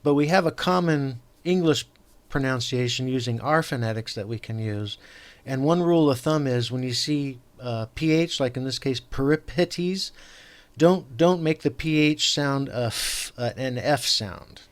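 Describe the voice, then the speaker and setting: A man hosting a tabletop game session, patiently explaining the rules to his opponent in a halting, rambling way full of fillers and restarts. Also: mid-range voice. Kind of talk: casual tabletop game chat.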